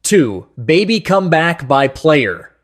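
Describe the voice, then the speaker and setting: Here the countdown host has a slightly high, sing-song voice and takes his time. He narrates the scripted show with nostalgic, colloquial storytelling while soft rock plays behind him.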